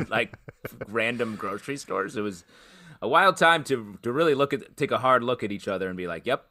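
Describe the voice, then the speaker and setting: A man co-hosting a podcast, chatting casually with halting phrasing. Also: medium pitch, animated, bright, forceful tone. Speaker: podcast co-host.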